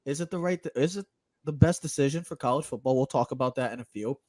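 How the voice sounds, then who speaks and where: A man hosting a sports podcast, teasing his co-hosts and running the show in an energetic, casual way. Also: mid-range voice, fast talker, no room sound, studio quality. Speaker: podcast host. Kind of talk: casual chat and sports talk.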